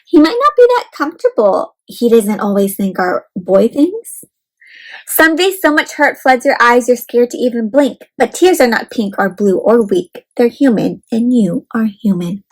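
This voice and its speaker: With the expressive encouragement of a teacher, a woman hosts a read-aloud for kids, asking them questions and keeping her explanations simple. Her voice runs on the high side, and the audio is poor.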